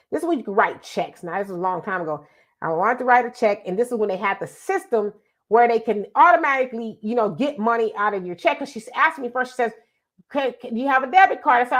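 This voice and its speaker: A middle-aged woman with a medium-pitched, fairly bright voice sounds congested as she hosts a casual live show. She reads out viewer comments in an emphatic, chatty, repetitive way, typical of relaxed live-stream talk.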